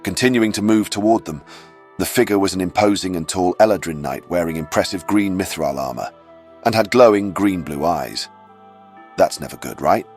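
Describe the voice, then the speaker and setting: A man's voice: low-pitched, fairly quick, darkish tone, faint music behind. A man narrating a scripted fantasy adventure recap as a storyteller given to wry, chatty asides.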